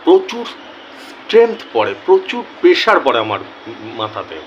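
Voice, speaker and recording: A man talking earnestly to his viewers as a YouTuber, slow and deliberate, often repeating key words for emphasis. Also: a little high, sing-song, lo-fi sound, slight background noise. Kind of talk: earnest casual talk to camera.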